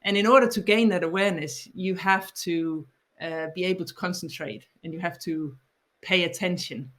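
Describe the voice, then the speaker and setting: In a podcast interview, a Danish guest author in her forties speaks at a moderate pace in a lowish, slightly bright voice. Her Danish accent is clear, and she's thoughtful, often restarting and repeating words as she explains her ideas.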